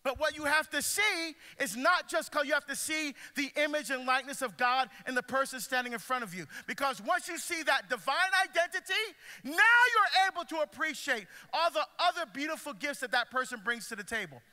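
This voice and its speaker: A middle-aged man from Barbados, a deacon, preaching with animated, emphatic energy to a school audience. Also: very high-pitched, fairly quick, hardly any pauses. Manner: animated, emphatic, moves around the stage. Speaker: deacon speaker. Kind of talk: passionate preaching talk. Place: large school pavilion, indoors. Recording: long hall reverb.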